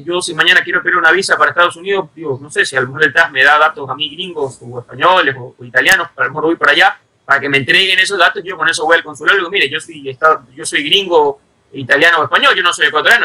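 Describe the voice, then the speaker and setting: A man's voice: a little high, bright, forceful tone, low-quality recording. A man, a journalist from Ecuador, arguing insistently in a heated football debate, pressing points with repeated rhetorical questions. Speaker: journalist panelist.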